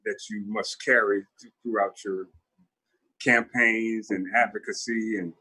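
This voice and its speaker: A man's voice: lowish voice, fairly even intonation, unhurried, sharp tone, breathy edge. A man in his seventies, from Newark, telling his personal story as a guest speaker at a virtual town hall, candid and reflective. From Newark, New Jersey. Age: 70s.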